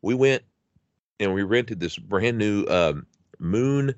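A man's voice: on the low side, expressive, takes it slowly, no echo, muffled recording. A man co-hosting a podcast, chatting casually and nostalgically, rambling with many restarts. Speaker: podcast co-host.

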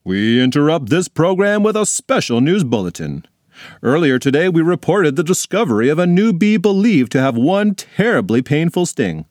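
A man's voice: on the high side, sing-song, moderate pace, darkish tone, dry recording, clean studio sound, pitched above the performer's own voice. A man playing a mock-serious TV news anchor. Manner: formal broadcast delivery.

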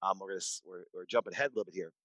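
A man in his forties tells stories from his medical practice in an interview. His voice sits fairly low and sounds dry and close, with no room around it. He talks emphatically, repeating words and restarting sentences as he goes. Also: fairly even intonation, very fast, a bit bright, no echo, low-quality recording. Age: 40s. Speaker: podcast guest, doctor. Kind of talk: conversational interview storytelling.

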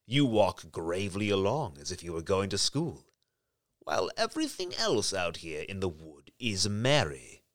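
A man voicing a wicked, sly male wolf, talking slowly and low, sometimes in a whisper. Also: very animated. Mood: scheming.

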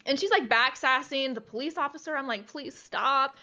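A woman's voice: high voice, quick pace, sharp tone, muffled recording. A young woman telling a story in casual chat, with lots of "like" fillers. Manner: chatty, heavy use of "like" fillers.

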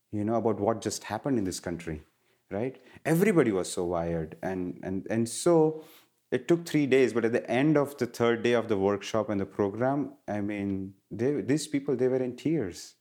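A man's voice: mid-range voice, mellow. A middle-aged man from India in a casual interview, explaining things earnestly and animatedly, often restarting his phrases. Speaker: guest, wellness educator.

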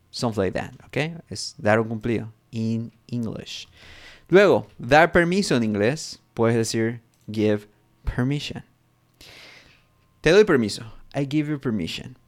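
Male English tutor, unhurried, middle-range pitch, repeats phrases, casual self-corrections. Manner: slow and deliberate, repeats English phrases twice; thinks aloud with fillers and self-corrections. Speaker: English teacher. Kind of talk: unscripted language lesson.

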